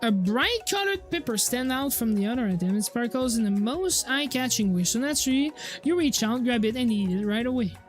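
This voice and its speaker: A playful woman streamer reads a visual novel aloud in a high, light voice. She laughs often and keeps the tone relaxed, with faint music under her. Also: brisk.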